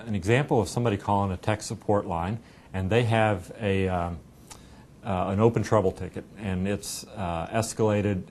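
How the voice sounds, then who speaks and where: A middle-aged man with a slightly mellow voice is demoing software for his company, talking through the product conversationally in an interview. He's in an indoor meeting room, recorded clearly on a clipped lapel microphone, though low room noise rumbles in the background.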